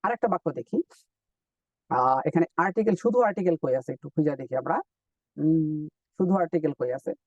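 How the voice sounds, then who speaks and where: A man teaching English in a live online lesson, explaining step by step and repeating drill words slowly. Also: fairly high pitch, expressive, no room sound, distant mic, muffled recording.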